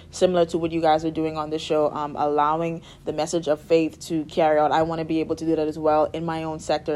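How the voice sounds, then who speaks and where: Lively young Bahamian-raised woman. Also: low voice. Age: young adult. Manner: bubbly, laughs often, many fillers. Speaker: guest, music therapy student. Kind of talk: casual interview chat.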